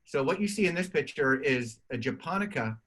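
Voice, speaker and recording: Relaxed male turf researcher presenting. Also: on the high side, brisk, poor audio. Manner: conversational, relaxed, with frequent restarts. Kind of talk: webinar presentation.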